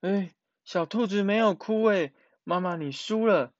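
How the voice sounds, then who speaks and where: A man's voice: a little high, expressive, normal speed, no echo, muffled recording. A man voicing a small girl chick who is frightened of getting a shot, speaking in a whiny, pleading way. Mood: cheerful. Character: little chick girl, scared of shots.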